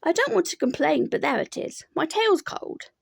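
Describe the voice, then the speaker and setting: A woman's voice: very high-pitched, lively intonation, normal speed, creaky, no echo, studio quality, voice pushed up, full character voice. A woman voicing a gloomy, self-pitying old male donkey who grumbles. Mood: grumbling.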